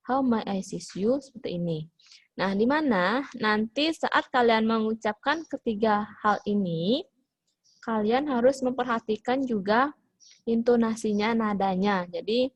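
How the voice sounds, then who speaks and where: A woman's voice: medium pitch, dry recording. A woman teacher with an Indonesian accent, explaining a hospitality English lesson with many fillers and English phrases mixed in. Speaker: vocational school English teacher. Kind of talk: online class lesson.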